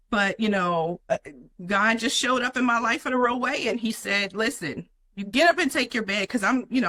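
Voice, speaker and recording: Bright, earnest woman telling her story. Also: on the high side, rough recording. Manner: earnest, many "you know" fillers. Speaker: guest. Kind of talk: personal story in an interview.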